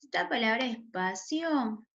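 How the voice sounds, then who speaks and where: A woman teacher explains spelling rules to children very slowly, pausing often to ask "¿sí?". Her voice sits a bit high. The recording is dull and lo-fi. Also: animated, gravelly, a bit bright. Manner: checks in with a questioning "¿sí?" after each point. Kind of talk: slow, deliberate spelling lesson for children.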